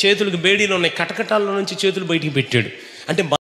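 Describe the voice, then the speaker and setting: A man preaching a call-and-response sermon as pastor, urging the congregation to repeat his words loudly. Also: high voice, fast talker. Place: large echoing church hall. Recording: echoey hall sound, faint ambience.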